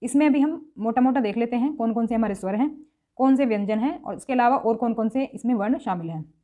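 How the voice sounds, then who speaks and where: In a lo-fi recording, a woman with a fairly high, mellow voice leads a grammar lesson like a classroom teacher, patiently and slowly repeating individual sounds to demonstrate pronunciation.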